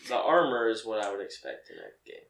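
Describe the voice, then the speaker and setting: A man's voice: lowish voice, wildly swooping pitch, brisk, vocal fry, fairly bright tone. A man co-hosting a casual movie discussion podcast, agreeable and chiming in. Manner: agreeable, chiming in with short replies. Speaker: podcast co-host. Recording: echoey room, mic at a distance.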